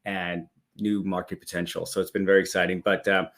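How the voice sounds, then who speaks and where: A man's voice: low voice, level tone, fairly quick, a bit bright. A man in his forties from Denmark, a business executive telling his story as an interview guest with enthusiasm. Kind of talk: conversational interview answers.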